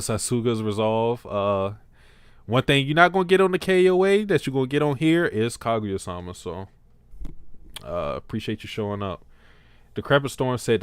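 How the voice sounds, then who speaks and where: A man hosting a casual livestream podcast, talking in an animated, slangy way and laughing often. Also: fairly low pitch, brisk, clear, resonant tone, no echo. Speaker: podcast host.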